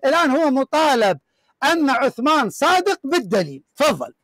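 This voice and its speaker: A man's voice: very high-pitched, very animated, a little fast, a bit bright, no echo. A man hosting a heated religious debate, reading from books in an emphatic, repetitive, declaiming way. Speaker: show host debating a caller.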